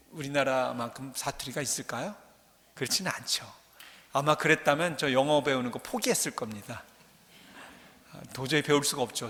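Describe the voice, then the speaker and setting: Male priest, sermon, middle-aged, conversational and joking, bright forceful tone, long church reverb. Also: fairly high pitch. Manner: conversational, joking, asks the congregation questions. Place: large church.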